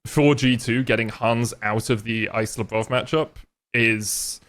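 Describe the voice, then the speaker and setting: A man's voice: mid-range voice, fairly even intonation, a little slow, fairly bright tone. A man co-hosting an esports podcast, giving rambling, wry analysis with dry jokes. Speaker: podcast co-host. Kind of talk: casual esports chat.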